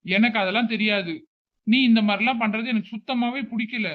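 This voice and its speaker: A man's voice: sits high, steady tone, fairly quick, close to an everyday voice. A man playing a strict, protective older brother who scolds his sister with a raised voice. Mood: scolding. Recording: tinny phone-like recording.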